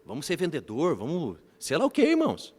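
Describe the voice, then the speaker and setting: A man from Brazil preaching a sermon as bishop, animated, often calling the congregation brothers and telling family stories. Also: on the high side, fairly quick. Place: church. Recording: reverberant church hall.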